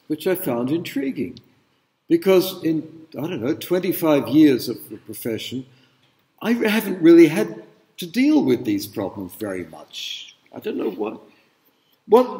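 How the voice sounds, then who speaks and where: His somewhat high, mellow voice booms through a big lecture hall with a long reverb tail, since he stands well away from the microphone. This middle-aged university lecturer keeps things casual, tossing questions at his students, many of them rhetorical, and leaning heavily on fillers.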